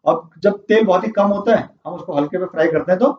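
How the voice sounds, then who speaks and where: A man's voice: high voice, fast, a little hiss or hum. A man teaching a vocabulary lesson, quizzing the class and repeating their answers. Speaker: English teacher. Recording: roomy, distant, dull classroom audio.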